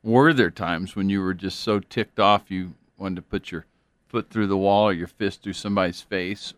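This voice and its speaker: Low-voiced earnest host. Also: male voice, dry recording. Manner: earnest, rambling with many fillers. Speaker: interview host. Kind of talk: faith interview conversation.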